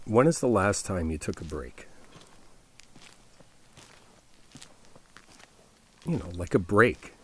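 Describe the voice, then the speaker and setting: In an ASMR roleplay, a man voices a caring, laid-back best friend, talking conversationally with hesitant, reflective pauses. His deep, husky voice is fully in character and sounds gently concerned.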